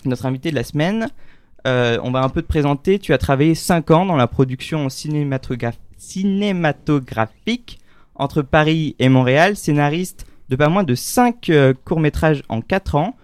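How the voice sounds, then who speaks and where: A man's voice: a little high, lively intonation, normal speed, darkish tone, smooth, no room sound. French radio host man, friendly studio voice. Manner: friendly, introduces guests with small stumbles and laughs. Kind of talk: radio talk show hosting.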